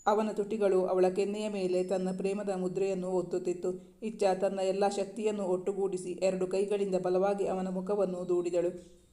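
A man narrating a romance novel in a steady, measured reading style. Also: high voice. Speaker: story narrator. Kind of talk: scripted storybook narration.

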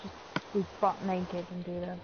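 A woman's voice: fairly low pitch, monotone, unhurried. A woman chatting and swearing at the game as she streams gameplay live. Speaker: gaming streamer. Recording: lo-fi stream audio with noise.

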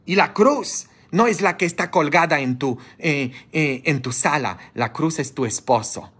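A priest delivers a sermon in a fairly high voice, speaking slowly and deliberately. He scolds his congregation with passion, and his voice leaps upward when he presses a point. The recording is a live stream from a church. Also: animated, a bit bright, slightly rough. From grew up as a child of immigrants. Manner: impassioned, scolding, with sudden high outbursts.

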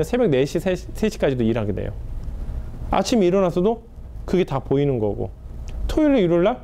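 Fast-talking, lively male business lecturer. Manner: emphatic, conversational, drops pitch at ends of points; paces back and forth while talking. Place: classroom in front of a whiteboard.

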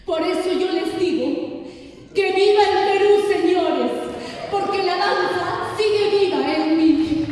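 A woman from Peru giving a slow, heartfelt spoken tribute from a theatre stage, recorded from far off in the hall. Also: very high-pitched, background noise. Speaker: stage speaker. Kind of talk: recited spoken-word tribute. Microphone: far camera in the hall.

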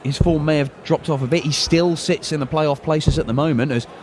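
Male darts play-by-play voice, higher than average, noisy arena behind. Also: fairly even intonation. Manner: measured, analytical play-by-play. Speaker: darts commentator. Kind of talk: live sports commentary. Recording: loud arena crowd and noise behind.

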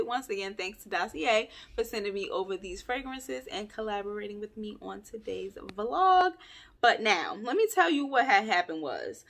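A young woman talks straight to her viewers in a loose, chatty vlog. Her voice is bright and forward, with playful asides and lively emphasis. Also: medium pitch. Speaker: vlogger. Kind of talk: casual vlog chat to camera.

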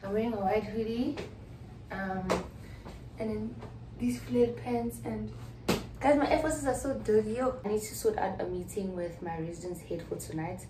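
Speaking at a moderate pace in a mid-range voice, this young South African student vlogger rambles to her arm's-length phone camera from a cramped dorm room, now and then dropping to a whisper. The background is noisy, and the talk is a casual vlog chat.

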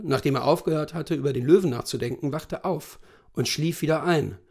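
A man narrating a literary short story as an audiobook reader, expressive and animated. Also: on the high side, vocal fry.

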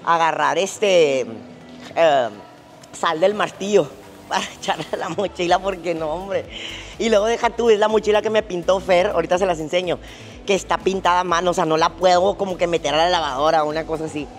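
A woman's voice: lowish voice, fairly even intonation, fairly quick, soft background music. A woman, chatting and laughing as she tells a travel story while walking outdoors, on a lapel mic. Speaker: fitness vlogger. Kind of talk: casual travel vlog storytelling. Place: outdoors at a tropical resort.

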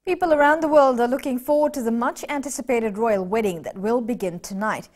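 A woman's voice: on the high side, fairly quick. A young woman anchoring a scripted television news bulletin in a studio. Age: young adult.

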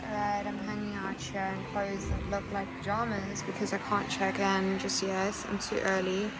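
A young woman in her twenties talking casually to her viewers in an excitable, chatty travel vlog, full of "like" and "guys". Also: mid-range voice, moderate pace, noisy background. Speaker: vlogger.

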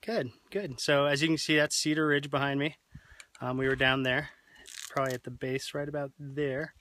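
A man in his thirties hosts a family vlog, joking around casually as he films himself on a handheld camera held at arm's length along a canyon hiking trail. His voice sits at medium pitch with fairly even intonation, a moderate pace and a bright, forceful tone.

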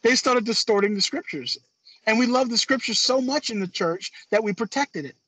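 Husky, higher-pitched man with sarcastic quips. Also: expressive, a bit bright, no room sound, poor audio. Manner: sarcastic, quick, laughs at his own jokes. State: clearing his throat. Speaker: co-host. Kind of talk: casual religious discussion.

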